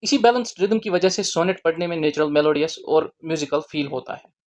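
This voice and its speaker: A teacher explaining a literature topic in a deliberate lesson, spelling out key terms word by word. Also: medium pitch, a little mellow.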